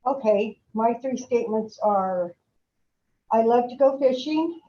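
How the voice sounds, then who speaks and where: An older woman talks on a video call, relaxed and joking. Her voice is slightly high and mellow. The audio sounds dull and roomy. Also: a little slow, slight background noise. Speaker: webinar participant. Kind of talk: casual chat on a video call.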